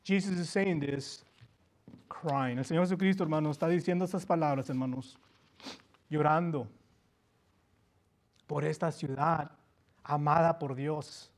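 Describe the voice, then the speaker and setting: A man preaches with a high voice, turning from one language to the other and back. He speaks to his congregation as brothers and presses his points with rising fervor. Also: steady tone, a little slow, long pauses. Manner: switches between Spanish and English, repeating each passage. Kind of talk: bilingual sermon.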